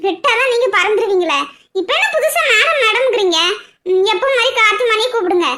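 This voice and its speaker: Karthi, bright high cartoon wife. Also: female voice, expressive, a little fast, exaggerated voice. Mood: teasing, arguing. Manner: pleading and teasing, often tearful. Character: young wife Karthi, affectionate, emotional, clingy. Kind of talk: cartoon voice acting.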